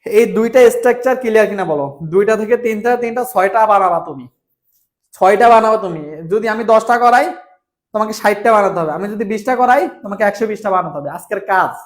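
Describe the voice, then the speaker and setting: A man's voice: sits high, fast talker. Bangladeshi man tutoring, spelling words out. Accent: Bangladeshi Bengali. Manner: repeats and spells out words letter by letter; calls students brother, asks if they follow. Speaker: English tutor. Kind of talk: online grammar lesson.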